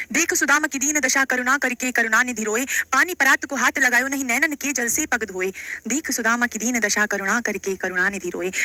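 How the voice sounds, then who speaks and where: A woman with a sharp, mid-range voice teaches Hindi grammar live online to exam students, going question by question, repeating phrases and prompting them with check-in questions and casual endearments. No room sound is audible.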